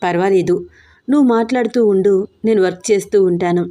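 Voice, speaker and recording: A woman's voice: medium pitch, a little fast, warm tone, lightly acted. A woman voicing a playful, teasing young husband in an audio story, with cheeky, bossy banter.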